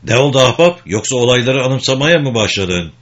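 A man's voice: medium pitch, lively intonation, brisk, a bit bright, pitched above the performer's own voice, lightly acted. A man voicing a small, wry English soldier who speaks bluntly and matter-of-factly, on a dull lo-fi recording.

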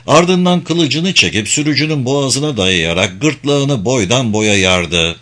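Lively dramatic male audiobook narrator. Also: mid-range voice. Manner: dramatic storytelling.

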